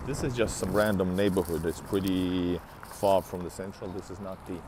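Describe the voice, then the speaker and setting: This low-voiced man from Latvia and Finland sounds tired while streaming outdoors, keeping a steady tone at a moderate pace. A travel vlogger, he's on a city street beside a large building with a wired earbud headset and phone at arm's length, street noise audible on the mic. He answers viewers in casual, rambling chat, restarting often and talking back to chat.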